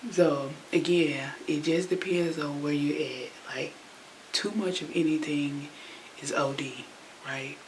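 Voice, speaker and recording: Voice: medium pitch, steady tone, slow, rough recording. A reaction channel host giving casual, chatty commentary with slang and fillers. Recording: hissy recording.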